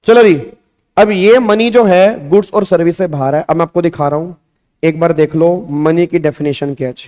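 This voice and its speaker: Man, Indian accent, high voice, playful teasing tax lecturer, online class. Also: moderate pace, darkish tone. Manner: playful, teasing, asks students questions. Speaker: tax law teacher.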